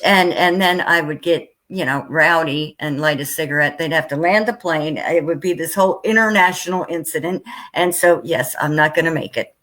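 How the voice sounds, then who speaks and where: A woman's voice: deep voice, normal speed, fairly bright tone. An American woman hosting a casual interview over a video call, bubbly and rambling, laughing often as she talks. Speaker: host.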